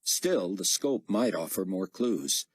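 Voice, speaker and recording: A male narrator reads an audiobook in a low, husky voice. His intonation rises and falls with a lot of movement, and the sound is dry and close to the mic. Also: lively intonation, slow, dry recording. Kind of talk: scripted narration.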